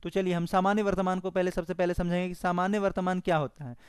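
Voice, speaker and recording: A man with a Bihari Hindi accent teaches grammar in an online exam-prep class. His voice sits a little high and comes through very crisp and dry, close to the mic. He dictates definitions slowly, repeating each phrase so students can write along. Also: steady tone, dry recording. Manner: slow, repetitive dictation of definitions.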